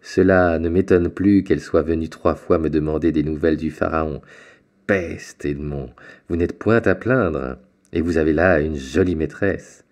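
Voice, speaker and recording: A man's voice: extremely low pitch, measured pace, a little mellow. A man voicing a jovial, fatherly middle-aged shipowner in an audiobook, hearty and kindly. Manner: hearty, paternal.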